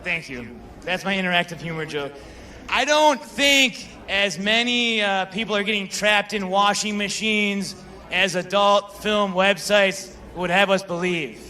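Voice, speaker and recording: A man's voice: high-pitched, fairly even intonation, moderate pace, bright, forceful tone. A young man performing a stand-up comedy set, telling stories in a conversational way and talking with the crowd. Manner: conversational storytelling with crowd work.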